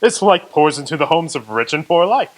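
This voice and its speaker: An actor playing the jolly giant Ghost of Christmas Present in a radio drama, hearty and laughing. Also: male voice, a little high, very animated, brisk. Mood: jovial. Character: jolly booming giant Christmas spirit, male.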